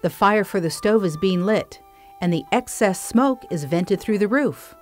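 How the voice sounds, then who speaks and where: A woman reading scripted documentary narration in a calm, measured voice-over. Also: mid-range voice, soft background music. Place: studio voice-over.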